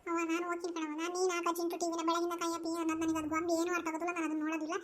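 ಉತ್ತರ ಕರ್ನಾಟಕ ಶೈಲಿಯ ಅಳುಮುಂಜಿ ಅಜ್ಜಿ, ಮಹಿಳೆಯ ಅಭಿನಯ, ಗೊಣಗುವ ಧಾಟಿ, ಎತ್ತರದ ಧ್ವನಿ. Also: female voice, extremely high pitch, completely flat delivery, rapid-fire, a loud crowd. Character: weepy old grandmother hooked on TV.

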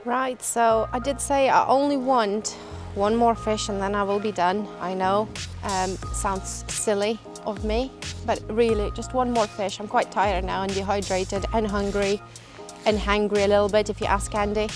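A woman's voice: mid-range voice, normal speed. A woman, chatting self-mockingly while fly fishing on a riverbank. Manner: chatty, self-mocking, excitable when hooking fish. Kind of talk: casual chat while fishing. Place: outdoors on a riverbank. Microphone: camera mic, sometimes far. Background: music.

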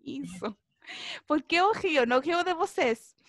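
Brief: woman language teacher, high voice, encouraging, dry close mic. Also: lively intonation, measured pace, no echo. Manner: encouraging, drills pronunciation with students. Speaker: Portuguese teacher. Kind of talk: online language class.

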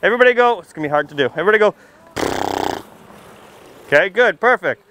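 Expressive and fast, this man's voice sits high with a bright, forceful tone, and a little background noise can be heard. As a firefighter, he talks to seated children under a tent canopy next to a building in simple, playful terms. His safety talk is full of questions, teasing, and frequent "okay" and "right" check-ins.

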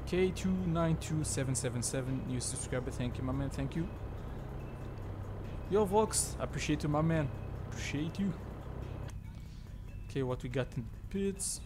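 A young man from Tunisia, not a native English speaker, hosting a sim-racing livestream, reading chat and answering in halting, filler-heavy talk. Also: on the high side. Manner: halting, filler-heavy, reads chat aloud and thanks subscribers. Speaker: livestream host. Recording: loud game music behind voice.

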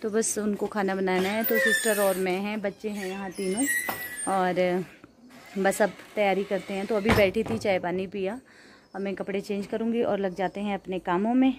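A woman with a Himachali accent, chatting casually in a home vlog with lively, teasing banter. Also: medium pitch, normal speed. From Himachal Pradesh. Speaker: vlogger. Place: family home kitchen. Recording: echoey room, faint background noise.

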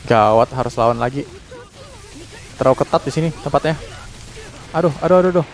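A man's voice: mid-range voice, quick pace. A man giving live commentary while playing a game, reacting with frequent panicked exclamations. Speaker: gameplay commentator. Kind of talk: live let's-play commentary.

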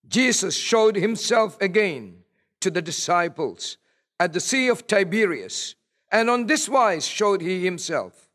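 Slow, high-voiced man reading scripture at a pulpit microphone. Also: a bit bright. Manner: slow, deliberate, reverent reading. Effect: speaking at a pulpit microphone. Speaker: scripture reader.

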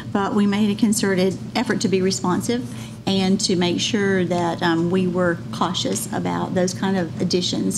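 Measured woman speaking at a board meeting. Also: medium pitch, background noise. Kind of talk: formal remarks at a board meeting.

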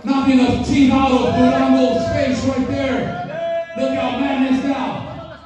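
A man calling excited, emphatic play-by-play as a lucha libre announcer, with drawn-out calls. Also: very high-pitched. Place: large indoor wrestling hall with audience. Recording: echoey hall PA from far off, crowd noise. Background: crowd.

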